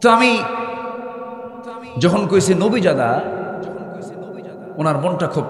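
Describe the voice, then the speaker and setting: Brief: male waz preacher, raised pitch, fiery call-and-response, echoey hall with long reverb. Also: lively intonation, slow pace. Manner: fiery call-and-response, pressing the crowd to answer louder; rhythmic repeated phrases rising to shouts. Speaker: Islamic preacher. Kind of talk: Bengali waz sermon.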